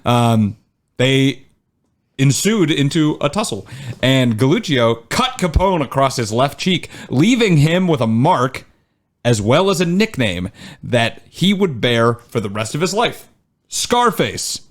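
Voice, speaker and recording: A male podcast host at a mid pitch, walking through his researched notes in a loose, conversational way. He fills the gaps with "uh" and wanders into wisecracks before picking the story back up. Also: sing-song, slow pace. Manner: chatty, with frequent "uh" and joking asides. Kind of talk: casual chat, reading researched history.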